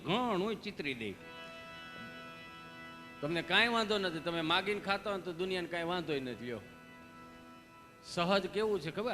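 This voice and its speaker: A male folk comedian with a Kathiawadi Gujarati accent, telling stories on stage and acting out every part of the dialogue. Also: a little high. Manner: animated, acts out dialogue in different voices. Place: stage before a live audience. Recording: reverberant hall with faint music.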